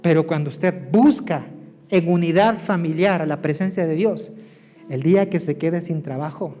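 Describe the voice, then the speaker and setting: Male pastor, high voice, emphatic sermon over faint music, loud then soft. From Ecuador. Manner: emphatic preaching, swinging between loud calls and soft asides.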